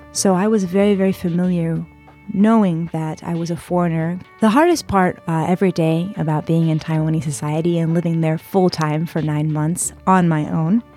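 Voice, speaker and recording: Here a guest from San Diego, California, a woman in her twenties, recounts her story with a low-pitched, warm voice. Her manner is chatty and interview-like, full of "like" and "uh."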